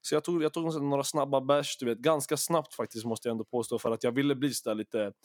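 A man's voice: mid-range voice, fairly even intonation, no echo, studio quality. Rambling Swedish-slang male podcaster. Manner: rambling, lots of fillers and acted-out quotes, Swedish slang. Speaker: podcast co-host. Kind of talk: casual storytelling chat.

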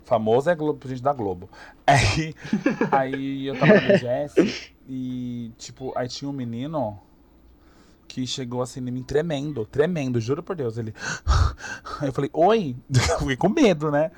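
A young man with a Brazilian Portuguese accent, chatting casually as a guest and telling lively stories, laughing often and acting out what people said. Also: medium pitch, unhurried, slight background noise. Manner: animated storyteller, laughs often, acts out quotes. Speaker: streamer guest. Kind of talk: casual podcast chat.

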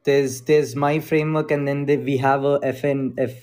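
A man's voice: medium pitch, flat delivery, moderate pace, darkish tone. Casual Indian-accented man hosting a group call. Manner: informal, mixes Hindi phrases into English. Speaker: host of an online group call on crypto investing.

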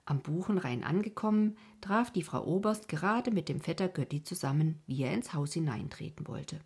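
A woman narrating a chapter of a classic storybook in an even, measured reading. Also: sits low, slightly rough. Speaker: audiobook reader.

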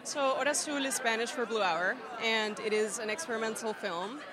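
A woman's voice: fairly high pitch, brisk, rough recording. A woman giving a casual interview as a film director. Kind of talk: casual red carpet interview. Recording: busy crowd around the voice. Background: crowd chatter.

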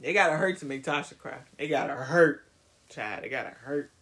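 A woman in her twenties co-hosting a casual podcast chat, animated and dramatic, laughing often. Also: low voice, moderate pace, faint music behind. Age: 20s. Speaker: podcast co-host.

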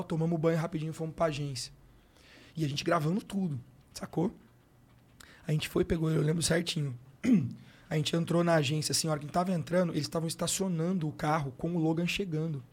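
A man's voice: on the high side, darkish tone. A middle-aged man with a Brazilian Portuguese accent telling an emotional personal story in casual slangy chat as a podcast guest. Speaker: sports coach, podcast guest.

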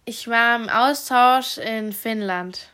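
A woman chatting in a casual question game, talking with headphones on over loud music that she alone hears. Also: fairly high pitch, slow. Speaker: challenge guest.

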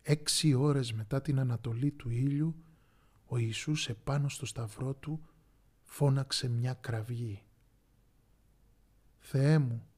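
A man narrating a Bible story in a slow, dramatic way, with pauses and the odd whisper. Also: medium pitch, fairly even intonation, a little mellow.

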